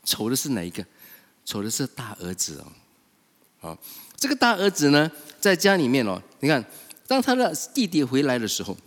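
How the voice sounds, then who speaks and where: A man preaching a sermon, animated storytelling with many fillers, acting out quotes. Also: fairly high pitch. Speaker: pastor. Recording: reverberant hall.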